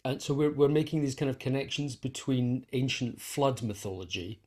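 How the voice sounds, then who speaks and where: As an interview guest, a man who composes and conducts explains his work in a mid-range, darkish voice at normal speed. His talk is relaxed and conversational, and he thinks out loud, repeating phrases along the way.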